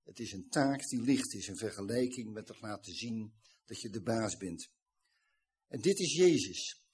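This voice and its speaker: Husky-voiced man preaching a sermon. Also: fairly low pitch, lively intonation, normal speed, darkish tone. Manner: earnest, retelling scripture with quoted dialogue.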